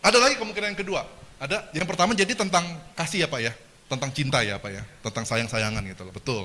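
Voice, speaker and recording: A man lectures at a seminar in a bright, forceful voice that sits a little high. He keeps the room engaged with questions and quick jokes. A faint background hiss runs under him. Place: lecture hall.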